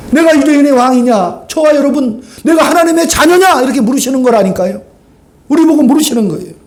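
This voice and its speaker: A male pastor preaching a sermon, telling the story with lively rhetorical questions and acted-out voices. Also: very high-pitched, fast. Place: church sanctuary. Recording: echoey church hall.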